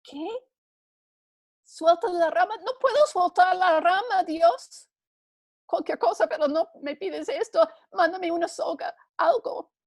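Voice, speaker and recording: Woman playing panicked man, high-pitched, pleading, shouting. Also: flat delivery, unhurried, hardly any pauses. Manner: frantic, pleading, shouting for help. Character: panicked man dangling over a cliff.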